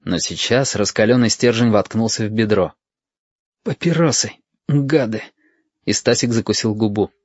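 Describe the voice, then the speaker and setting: A man narrating a children's story in a measured, expressive way. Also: on the low side, dry recording. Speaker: audiobook narrator. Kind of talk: scripted narration. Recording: dull, dry lo-fi audio.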